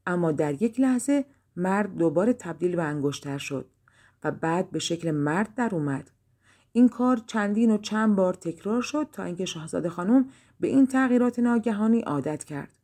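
A woman narrating a fairy-tale audiobook in a calm storytelling manner. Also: lowish voice.

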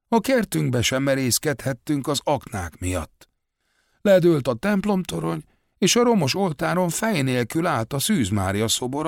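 A male narrator voicing an older village woman, recalling wartime losses in a mournful, measured way. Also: a little high, gravelly, dry recording, clean studio sound, voice pushed up.

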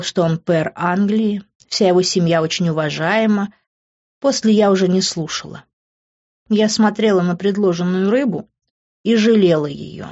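A woman narrating a first-person novel in a middle-pitched voice. She reads expressively, rising in pitch when her heroine speaks. The recording is dull and lo-fi. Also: darkish tone. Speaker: audiobook narrator.

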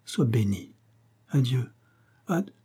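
A man reading the lines of a dying mother, weak, tender and resigned, speaking her slow faltering farewell. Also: mid-range voice, warm tone, breathy edge.

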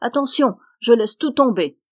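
A woman voicing a huge, scornful male giant in a storybook reading, shouting contemptuously. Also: fairly high pitch, expressive, normal speed. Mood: strained.

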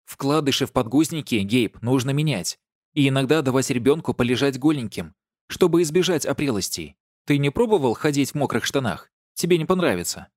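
A man's voice: mid-range voice, animated, a little fast, a little mellow, dry recording, voice pushed up, natural voice. A man voicing a weary, sardonic werewolf woman who hands out dry, practical advice, in an audiobook. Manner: mocking, matter-of-fact advice.

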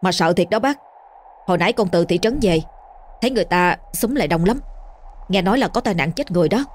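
A woman voicing a young village man, rushed, fretful and gossipy. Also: lowish voice, animated, slight background noise, close to an everyday voice.

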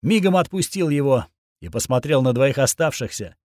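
A man narrating a first-person action audiobook in a steady, grim storytelling voice, recorded on a close studio mic. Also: medium pitch, normal speed, no echo.

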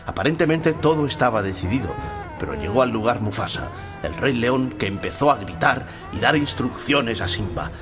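A man narrating a storybook audio drama with brisk, dramatic storytelling. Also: mid-range voice, very animated, over music.

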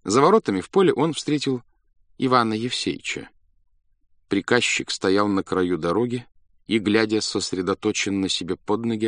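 A man narrating a classic story in an expressive, dramatic manner. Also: lowish voice, dry recording. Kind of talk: storybook reading.

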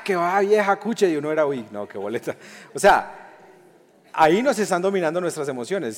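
A young man, preaching a lively, conversational sermon with jokes and acted-out quotes. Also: fairly high pitch. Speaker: pastor. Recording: long reverb of a large hall.

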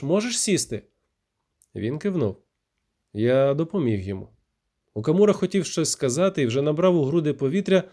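A man narrating a first-person audiobook in a steady, measured way. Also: medium pitch.

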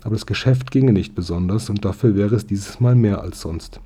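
A man's voice: on the low side, fairly quick, mellow, husky. A man doing an earnest polite boy.

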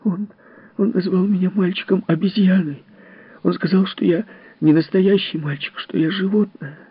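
A man voicing a frightened small boy who talks through tears in a soft, breathy voice. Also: sits high, steady tone, moderate pace, dry recording, voice pushed up. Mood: tearful pleading. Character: frightened crying small boy, timid and pleading. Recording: dull, dry audiobook recording.

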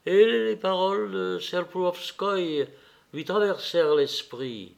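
Slow, measured male audiobook reader. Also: sits high, creaky. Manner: measured, with small hesitations. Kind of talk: audiobook narration.

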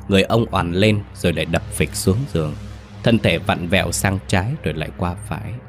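A man narrating a horror story in a slow, grave, deliberate way. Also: sits low.

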